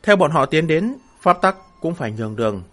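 Male audiobook narrator over soft music. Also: on the high side, a little fast. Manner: steady, dramatic storytelling. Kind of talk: fantasy novel narration.

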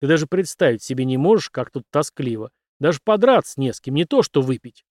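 A man reading an audiobook, voicing a huge burly bar owner who booms and grumbles. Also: big pitch swings, fairly quick, darkish tone, dry recording, clean studio sound. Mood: booming. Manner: booming, gruff.

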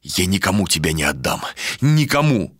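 This is an obsessive nobleman in an audiobook who gives orders and won't take no, read by a man in his own voice. The delivery is bright and forceful and swings widely in pitch. It is recorded close and dry. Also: very animated, normal speed, husky, no echo, heavily acted. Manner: commanding, then obsessive and menacing. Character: possessive, unhinged young nobleman. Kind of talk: audiobook character voice.

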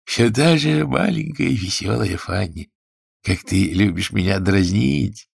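A man's voice: lowish voice, animated, measured pace, creaky, husky, exaggerated voice. A man voicing a doting reformed crook. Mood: reassuring. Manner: fond, gently coaxing. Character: reformed male crook, doting fiancé, earnest. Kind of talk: audiobook character voice.

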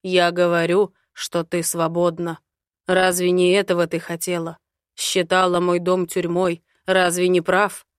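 A woman voicing a grave, forceful man. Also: on the low side, monotone, measured pace, clean tone, no echo, clean studio sound, close to an everyday voice. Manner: firm, forceful, vowing. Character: stern, powerful man, grave and protective. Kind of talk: audiobook reading.

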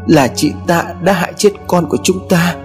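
A man's voice: on the high side, moderate pace, soft background music, voice pushed up, close to an everyday voice. A man doing a panicked young woman crying for help. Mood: desperate. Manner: pleading, panicked. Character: frightened young pregnant woman, pleading.

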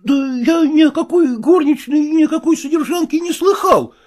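A woman's voice: sits high, normal speed, a little mellow, lightly acted. A woman reading a storybook, voicing a flustered young male fiancé who pleads and defends himself. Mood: pleading.

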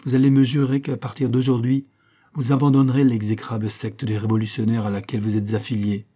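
A man reading the part of an earnest young nobleman who speaks gravely and insistently. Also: mid-range voice, flat delivery, brisk, warm tone, natural voice.

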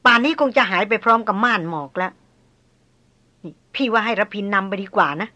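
A woman's voice: medium pitch, brisk, pushed and bright, lightly acted. A woman reading as an anxious protective brother. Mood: worried. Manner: anxious, urging. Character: worried protective older brother on expedition.

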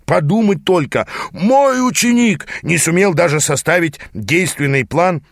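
A man's voice: a little high, animated, measured pace, vocal fry, dry recording, studio quality, pitched above the performer's own voice. A man voicing a sarcastic growling demon mentor. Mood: stern. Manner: growling, scolding, mocking. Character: gruff scaly male demon mentor, sarcastic. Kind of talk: audiobook character voice.

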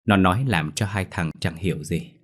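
A man narrating a horror story in a steady, measured storytelling manner. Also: deep voice.

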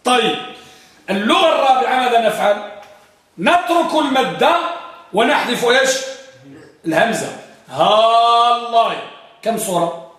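Guy teaching grammar class, high voice, keeps firing questions at students, really echoey room far from the mic. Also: animated, fairly bright tone. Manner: drills students with repeated questions, drawn-out examples.

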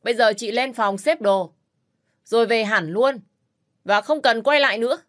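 A bossy, short-tempered old father-in-law who barks his reproaches, as a woman narrator puts him on. He lectures sharply and loudly, in a storytelling reading. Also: fairly high pitch, normal speed, lightly acted. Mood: scolding. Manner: barking, scolding. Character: harsh domineering elderly father-in-law, short-tempered man.

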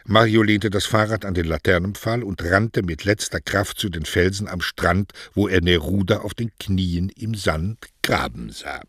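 A man narrates a novel for radio in lively, expressive storytelling. His voice is low and husky. The recording is dry and close. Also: normal speed, hardly any pauses, dry recording. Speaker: reader. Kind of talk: audiobook narration.

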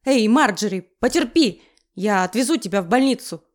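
A woman's voice: fairly high pitch, lively intonation, moderate pace, lightly acted. A woman voicing an irritable middle-aged man who talks in curt, barking orders. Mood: gruff. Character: gruff, irritable middle-aged man, future father-in-law.

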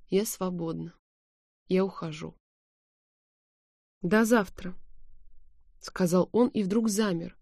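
A woman reading a first-person novel aloud in a quiet, measured way. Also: medium pitch, dry recording, studio quality. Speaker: audiobook narrator. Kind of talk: first-person audiobook narration.

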